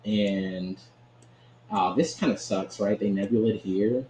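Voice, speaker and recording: Playing a card game, this male gaming channel host keeps up relaxed, chatty commentary, frequently laughing and asking "right?". His voice is lowish, a little slow and dark in tone, recorded in an echoey room with faint background noise.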